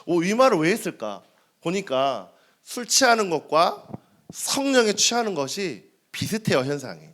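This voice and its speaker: A man's voice: high-pitched, very animated, normal speed, fairly bright tone. A male pastor in his thirties preaching a sermon in a church, asking the congregation questions and answering them himself. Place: church sanctuary.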